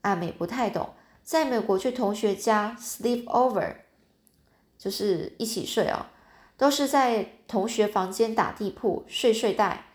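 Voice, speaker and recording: A woman's voice: on the high side, a little slow, a little mellow. A woman reading a children's fantasy novel aloud in a casual, chatty way with little asides. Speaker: storyteller.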